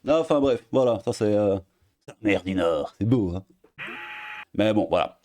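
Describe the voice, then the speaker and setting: A man's voice: lowish voice, expressive, normal speed, a little mellow. A young Belgian man with a Belgian French accent, ranting casually to his audience in a mocking, crude way, full of fillers. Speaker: streamer. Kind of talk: casual rant to camera. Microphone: desk mic at editing setup.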